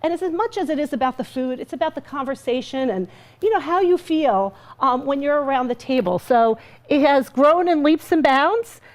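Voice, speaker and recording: Chatty woman guest cook, high voice, upbeat and laughing, studio kitchen, lapel mic. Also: expressive, normal speed. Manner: bubbly, chatty, laughs often. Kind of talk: TV cooking segment.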